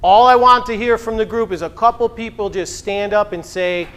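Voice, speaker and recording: High voiced guy running a sales meeting, pumped up, hyping the team. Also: moderate pace. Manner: energetic, hypes up the team. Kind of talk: upbeat meeting announcements.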